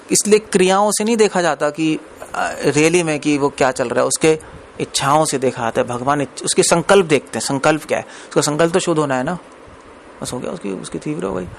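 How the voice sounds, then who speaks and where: Male preacher, conversational sermon delivery, gravelly, slightly high-pitched, English words mixed in. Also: slight background noise. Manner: conversational, mixes English words, laughs between points. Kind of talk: Hindi discourse on scripture.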